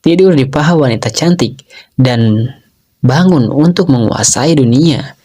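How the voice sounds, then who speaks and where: A man voicing an eager, scheming male adviser who flatters and urges his young master, in a casual storytelling recap. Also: mid-range voice, unhurried, lightly acted. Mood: urging. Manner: urging, flattering.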